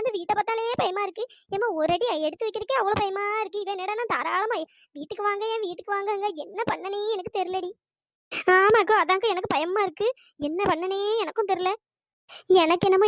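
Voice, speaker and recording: A performer voicing loud, teasing village women in a cartoon comedy, with shrill scolding calls. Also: no room sound, studio quality. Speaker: cartoon characters.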